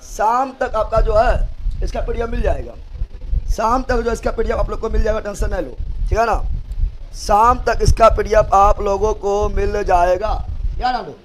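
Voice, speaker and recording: A man's voice: sits high, moderate pace, slight background noise. A man teaching an exam-prep class, drilling terms by repeating them and scolding students.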